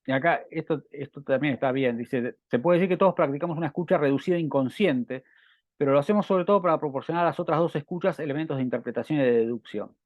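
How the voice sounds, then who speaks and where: Halting man lecturing, dull dry sound. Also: on the high side, dry recording. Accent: Rioplatense Spanish. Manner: halting, many restarts and fillers. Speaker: university lecturer.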